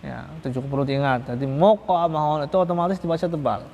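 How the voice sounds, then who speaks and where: Male religious teacher, patient and repetitive, slightly high voice, recorded in a reverberant hall. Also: darkish tone, slight background noise. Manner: patient, repetitive, drawn-out chanted examples. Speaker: Quran recitation teacher. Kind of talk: slow religious lesson on tajwid. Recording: echoey long reverb hall.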